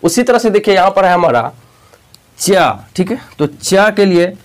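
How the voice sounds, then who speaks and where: A man's voice: sits high, lively intonation, measured pace. A male teacher explaining a lesson patiently, often checking in with the listener and repeating key points. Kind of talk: spoken lesson.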